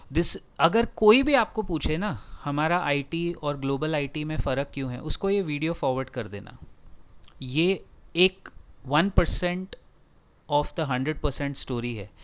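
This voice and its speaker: A man's voice: fairly high pitch, a bit bright, clear, resonant tone. Impassioned Indian man ranting. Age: middle-aged. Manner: passionate, sarcastic ranting with sudden emphatic bursts. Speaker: finance video host. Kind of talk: opinionated commentary to camera.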